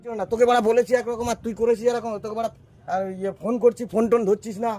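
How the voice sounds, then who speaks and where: A man's voice: very high-pitched, steady tone, racing, warm tone, faint music behind. A young man angrily scolding his friend with constant swearing in a staged prank argument. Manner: angry, heavy swearing.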